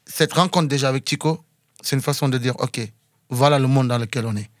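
A man's voice: mid-range voice, fairly quick, no room sound, studio quality. A man from Senegal, a musician guest, talking earnestly in an interview and slipping into English now and then. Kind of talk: casual interview talk.

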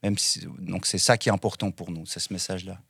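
A man's voice: sits low, fairly even intonation, fast talker, gravelly, fairly bright tone, breathy edge, no room sound, studio quality. A man from Switzerland, a musician guest, talking casually in an interview and rambling through lists with many fillers.

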